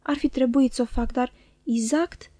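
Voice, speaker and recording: A woman voicing a kindly, flustered older nursemaid who speaks softly and hesitantly. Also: high voice, fairly even intonation, dry recording, studio quality. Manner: soft, tender and hesitant.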